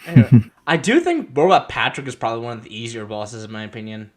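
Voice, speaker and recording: A man hosting a casual gaming podcast, giving his opinions with a volume that jumps between loud and quiet. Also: mid-range voice, very animated, fast talker. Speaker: podcast host.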